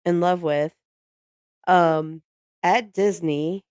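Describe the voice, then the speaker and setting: Woman podcast co-host, lowish voice, animated storyteller, dry close mic. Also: drawn-out words, smooth, no room sound. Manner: animated storyteller, laughs often. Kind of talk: casual chat.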